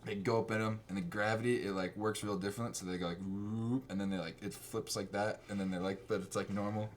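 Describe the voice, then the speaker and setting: A man's voice: lowish voice, little pitch movement, quick pace. A man chatting loosely about films, full of fillers and half-finished thoughts. He slips into little acted bits of the scenes he describes. A faint hiss sits under the recording. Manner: rambling, laughing, acts out scenes. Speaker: host. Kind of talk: casual movie review chat.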